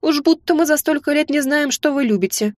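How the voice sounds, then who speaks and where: A woman's voice: high voice, brisk, no room sound, studio quality, pitched above the performer's own voice, close to an everyday voice. A woman voicing a kindly, grumbling older household cook with a fussy, homely manner.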